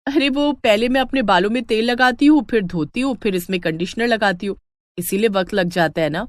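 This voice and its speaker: Woman doing a shrill, vain young daughter-in-law. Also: a little fast, no room sound, studio quality, natural voice. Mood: whiny. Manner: whiny, shrill and high.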